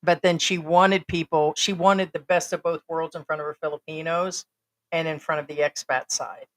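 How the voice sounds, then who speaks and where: A woman's voice: low voice, little pitch movement, normal speed. A woman co-hosting a casual livestream chat, blunt and sarcastic, swearing freely. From United States. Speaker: co-host.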